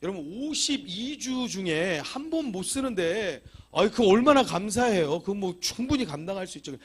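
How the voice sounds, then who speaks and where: A man's voice: sits high, expressive, moderate pace, husky. A man preaching a sermon as pastor, telling a story with emphatic exhortations. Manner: storytelling with acted quotes.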